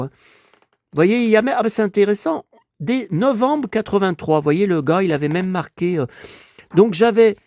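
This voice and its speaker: A man in his fifties with a slightly high voice, hoarse from a lingering cold. He chats in a rambling, nostalgic way, full of little asides, as he shows off his collection at home. The sound is dry and close, with no room echo. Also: darkish tone. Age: 50s. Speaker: collector showing his memorabilia. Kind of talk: casual collection show-and-tell.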